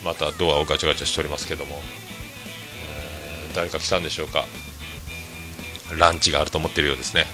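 Music runs beneath this bass voice as the middle-aged host from Fukuoka, Japan, talks fast yet pauses often. Alone on his talk stream, the restaurant owner spins rambling stories full of fillers and lively quotations.

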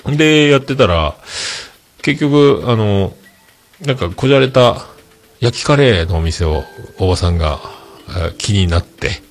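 Man, very deep voice, casual storytelling, acts out the dialogue. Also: measured pace. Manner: animated, acts out quoted dialogue. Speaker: podcast host.

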